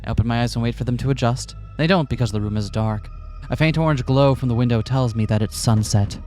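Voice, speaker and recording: A man's voice: mid-range voice, fast, a little mellow, soft background music. A man co-hosting a let's play, switching between casual commentary and reading a visual novel aloud with playful, theatrical asides.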